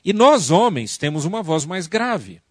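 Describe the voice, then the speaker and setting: A man with a Brazilian Portuguese accent giving a lively church workshop talk on family, asking the audience questions and acting out family arguments. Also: sits high, measured pace, no room sound, clean studio sound. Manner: animated, acts out quoted family arguments. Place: church conference hall.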